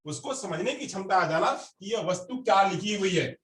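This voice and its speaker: High-voiced man lecturing a class. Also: lively intonation, normal speed, fairly bright tone. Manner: repeats phrases, quizzes the class. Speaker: teacher. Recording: roomy classroom recorded from a distance.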